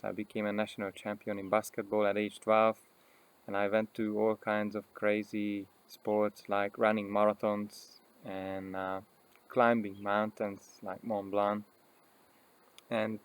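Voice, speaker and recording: Telling his own story, this man from Hungary, a personal development coach, speaks with a Hungarian accent in an earnest, unhurried way full of pauses and fillers. The voice is lowish and clean, with no echo.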